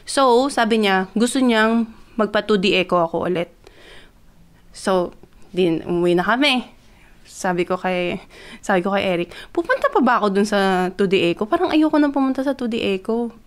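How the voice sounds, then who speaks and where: A woman's voice: medium pitch, moderate pace. A young woman from the Philippines, telling a personal story in a casual vlog and mixing Tagalog and English with lots of fillers. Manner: grows excited as she retells. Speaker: vlogger.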